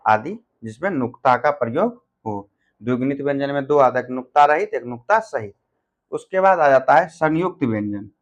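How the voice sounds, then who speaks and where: A man teaching an exam-prep grammar lesson, asking questions and answering them himself, counting items out and repeating points. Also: fairly high pitch.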